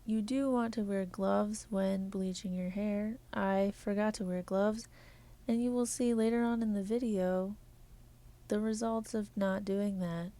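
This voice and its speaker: Soft-spoken woman narrating a hair tutorial. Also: medium pitch. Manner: soft, half-whispered instructional delivery; flat and measured at first, then quicker and chattier. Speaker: beauty vlogger.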